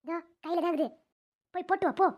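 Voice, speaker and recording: A woman voicing two scheming village women in a cartoon, chatting quietly and smugly. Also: very high voice, quick pace, dull audio. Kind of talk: cartoon dubbing.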